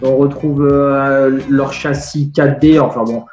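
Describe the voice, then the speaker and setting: A man's voice: medium pitch, fairly even intonation, takes it slowly, darkish tone, muffled recording, soft background music. Easygoing man in an echoey room. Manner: easygoing, hesitant with fillers. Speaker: show regular. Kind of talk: casual chat over video call. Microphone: video call.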